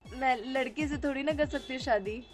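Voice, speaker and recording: A stubborn, sulky daughter , played by a young woman, speaking bluntly. Her voice sits high. Music plays clearly behind this comedy skit. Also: a little fast, natural voice. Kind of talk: comedy family skit acting.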